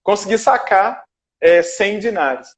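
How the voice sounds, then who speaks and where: A man's voice: high voice, slow pace. A man telling a story in casual conversation on a video call, acting out what people said to him. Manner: animated storyteller, acts out dialogue. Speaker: guest. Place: his shared house.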